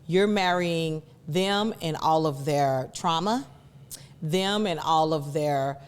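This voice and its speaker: Woman w low voice explaining stuff casually, earnest, stresses key words, echoey reverby room. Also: takes it slowly, smooth. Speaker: co-host. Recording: reverberant room with long echo.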